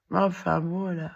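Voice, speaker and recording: A woman with a cracked, hoarse voice, rambling in a halting monologue to the camera, full of fillers and restarts. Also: on the low side, dull audio. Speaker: vlogger.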